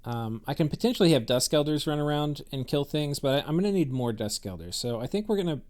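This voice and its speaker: A man's voice: on the high side, animated, quick pace, darkish tone. A man giving casual, rambling commentary on a strategy game he is playing, thinking aloud with many fillers and restarts. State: has the hiccups.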